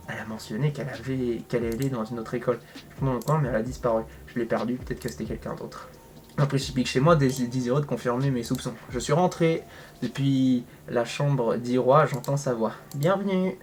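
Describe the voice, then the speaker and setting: A man's voice: medium pitch, steady tone, brisk. A man narrating a visual novel playthrough, with jokey, slangy asides and exaggerated reactions. A faint hiss sits under his voice. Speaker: gaming content creator. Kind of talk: reading a visual novel aloud with commentary.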